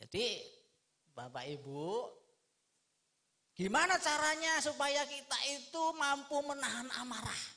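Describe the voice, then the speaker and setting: A middle-aged man giving a lively, humorous religious lecture, asking his listeners rhetorical questions. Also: very high voice, takes it slowly, pauses often. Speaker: Islamic preacher.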